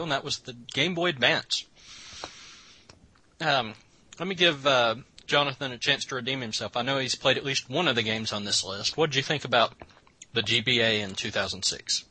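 Bright-voiced man hosting a podcast. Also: mid-range voice, brisk, slightly rough, low-quality recording. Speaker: podcast host. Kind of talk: casual podcast chat.

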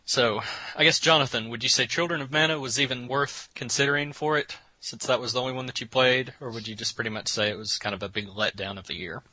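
A man hosting a casual podcast, talking in a relaxed, rambling way with fillers. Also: medium pitch, fast, hardly any pauses, no echo, poor audio. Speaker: podcast host.

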